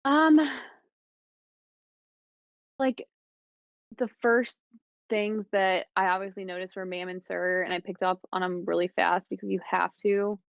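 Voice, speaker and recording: A young woman from the Midwest, talking casually as a podcast guest. She chats with plenty of fillers and retells stories with animation. Her voice is mid-pitched and the recording sounds dull and dry. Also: unhurried, creaky, long pauses, no echo. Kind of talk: casual chat.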